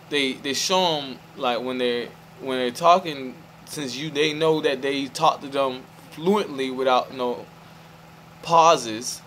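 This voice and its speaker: A man's voice: medium pitch, a bit bright, slight background noise, poor audio. A man talking to the camera in a loose, meandering monologue, often restarting his sentences and checking in with his listener. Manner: meandering, restarts, keeps asking "you feel me".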